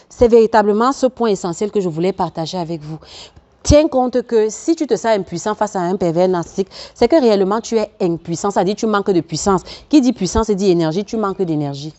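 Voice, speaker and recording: A woman's voice: medium pitch, fairly quick, darkish tone, muffled recording. A woman coaching viewers in a self-help video, talking earnestly and preacher-like, speaking straight to the listener and repeating phrases for emphasis. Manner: laughs between points, repeats phrases for emphasis. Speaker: life coach.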